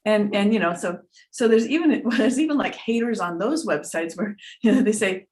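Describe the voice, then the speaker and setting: A woman's voice: medium pitch, lively intonation, normal speed, darkish tone. A woman talking casually about spiritual matters as a teacher, earnest and rambling as she thinks aloud. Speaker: spiritual teacher and trance channeler, guest speaker. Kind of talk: casual spiritual talk with personal anecdotes.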